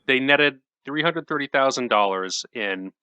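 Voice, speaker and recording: A man's voice: mid-range voice, animated, unhurried, sharp tone, clean tone, dry recording. A man co-hosting a podcast, discussing a book in a laid-back way with short agreeing replies. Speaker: podcast co-host.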